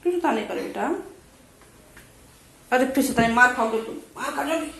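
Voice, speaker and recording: A woman's voice: sits high, lively intonation, normal speed, fairly bright tone. A woman in her thirties vlogging at home, playfully scolding and coaxing a child in a sing-song way, on a phone camera. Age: 30s. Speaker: family vlogger. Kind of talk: casual home vlog. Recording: echoey room with clear background noise.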